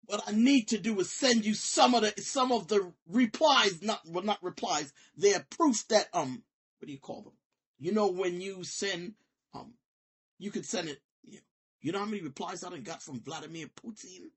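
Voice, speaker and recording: A woman student confronting officials in a disciplinary meeting, defiant and combative, swinging between shouting and low, menacing threats in informal speech. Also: normal speed, breathy edge. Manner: informal, nonstandard grammar.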